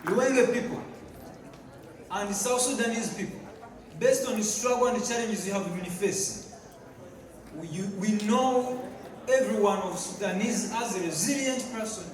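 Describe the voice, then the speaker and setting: High-voiced man speaking in a hall. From Tanzania. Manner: halting, with fillers and repeated words. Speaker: guest speaker. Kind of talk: public speech. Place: large hall at a community event. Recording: echoey hall, distant mic, crowd. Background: crowd.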